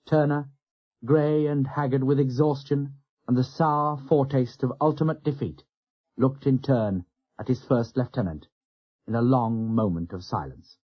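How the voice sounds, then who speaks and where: Husky male audiobook narrator. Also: medium pitch, fairly even intonation, unhurried. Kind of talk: scripted narration of a war novel. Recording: dull lo-fi audio.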